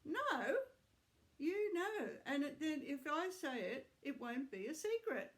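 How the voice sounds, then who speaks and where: A woman's voice: high voice, sing-song, slow pace, pitched above the performer's own voice, full character voice. A woman voicing an eager little girl who teases in a singsong way about a secret. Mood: teasing.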